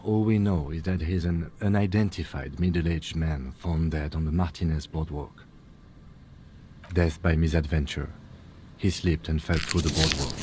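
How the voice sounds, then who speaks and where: A man voicing a calm, methodical police lieutenant in a detective game, with a measured, precise, matter-of-fact way of speaking. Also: very deep voice, slight background noise. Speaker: police partner. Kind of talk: game voice acting.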